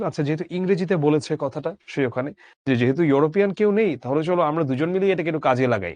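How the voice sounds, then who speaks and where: A man's voice: fairly high pitch, dry recording, lo-fi sound. A young adult man teaching a literature lesson to exam students, rereading each line of the text and rephrasing it in simple words, with emphatic rises and drops on key words.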